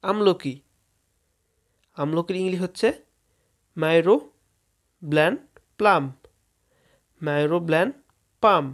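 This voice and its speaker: Here a native Bengali speaker teaches English fruit names in an informal spoken lesson, spelling words for his viewers letter by letter. His voice is on the high side, and he speaks slowly with frequent pauses.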